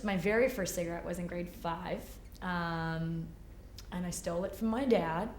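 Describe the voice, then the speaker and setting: Low-voiced woman in her twenties, roomy echo. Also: fairly even intonation, moderate pace, a little hiss or hum. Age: 20s. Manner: thoughtful, hesitant fillers. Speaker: interviewee. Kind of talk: candid interview answers.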